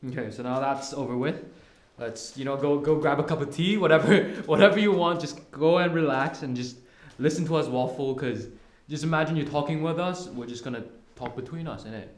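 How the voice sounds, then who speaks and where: Teen boy co-host, relaxed and jokey, roomy echo. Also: on the high side, brisk. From Hong Kong. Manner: laid-back, joking. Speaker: podcast co-host. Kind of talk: casual chat. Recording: echoey room.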